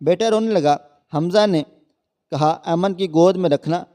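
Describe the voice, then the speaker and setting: A man's voice: sits high, mellow. A man narrating an emotional moral story in an earnest, scripted reading.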